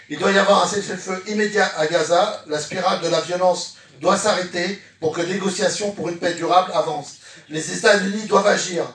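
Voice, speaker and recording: Recorded from a distance in an echoey room, a man with a high, slightly bright voice speaks as a trade unionist at a public meeting, partly reading a statement aloud.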